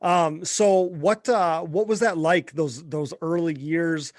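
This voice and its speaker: A male podcast host asks questions at an easy pace and chimes in with quick agreements. His voice is slightly high for a man. The sound is dry and close. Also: fairly even intonation, dry recording. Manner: easygoing interviewer with frequent short acknowledgements. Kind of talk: casual interview.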